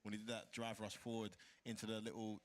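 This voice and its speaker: A man's voice: on the low side, level tone, fast. A man co-hosting a fighting game watch party, commenting with enthusiasm and repeating phrases. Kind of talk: excited casual commentary.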